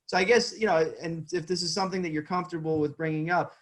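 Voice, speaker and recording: A man's voice: fairly high pitch, fairly even intonation, quick pace. A man hosting a casual interview, who asks loose, hesitant questions full of fillers. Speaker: interview host.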